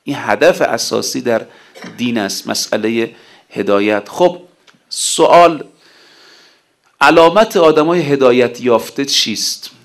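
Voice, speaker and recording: Guy giving a sermon, slow drawn-out verse recitation then chatty explaining. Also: medium pitch. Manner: recites Arabic verses slowly, then explains in colloquial speech. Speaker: preacher.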